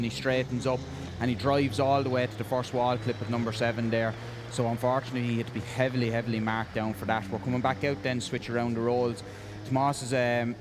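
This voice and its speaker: Male judge, mid pitch, flat delivery, matter-of-fact, vehicle noise behind. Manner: measured, matter-of-fact, hesitant pauses. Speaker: drift competition judge. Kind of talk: unscripted technical explanation of a decision.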